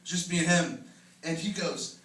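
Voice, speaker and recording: A young man doing first-time stand-up comedy at an open mic with stage fright, speaking in a halting, stumbling, nervous way. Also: fairly high pitch, steady tone, a bit bright. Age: young adult. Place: open mic venue before an audience. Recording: echoey room, distant mic, clear noise.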